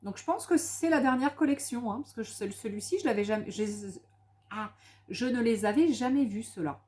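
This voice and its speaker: Here a crafting vlogger from France has a relaxed chat about supplies she bought, excited and prone to small hesitations and repeats. She talks at a normal pace in a rather high voice with a darkish tone.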